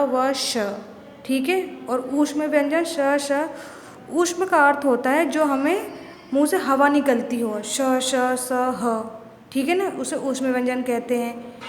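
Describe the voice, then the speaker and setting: High-voiced woman teacher in an echoey room. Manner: asks questions and answers them herself, repeats "ठीक है ना". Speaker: school teacher. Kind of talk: classroom lesson on grammar. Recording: echoey room with long reverb, faint noise.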